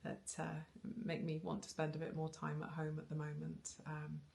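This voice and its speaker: Her voice is low and darkish with vocal fry, delivered completely flat at a normal speed. A Welsh woman in her thirties, she chats casually about knitting to a camera on a tripod in her living room with bookshelves, rambling with ums, restarts and little laughs.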